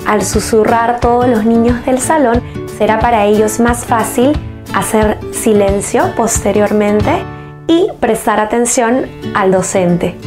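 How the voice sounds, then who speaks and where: Slow, clear-speaking woman teacher. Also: on the high side. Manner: calm, clear, measured instruction. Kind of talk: explaining classroom techniques to teachers. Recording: steady music playing under the voice.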